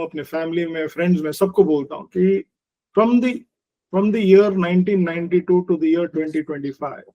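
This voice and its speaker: एक साठ वर्षीय पुरुष योग शिक्षक, जो एक बातचीत में गंभीरता से समझाते हुए हिंदी और भारतीय अंग्रेज़ी मिलाकर बोलते हैं।. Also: male voice, high-pitched, mellow. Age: 60s. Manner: earnest, explanatory, mixes Hindi and English, uses everyday analogies. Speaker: yoga teacher. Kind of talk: conversational interview.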